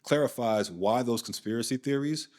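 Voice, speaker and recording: A man's voice: medium pitch, moderate pace, a little mellow. A man hosting and narrating a documentary in a scripted way, with dry, sardonic asides. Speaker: documentary host.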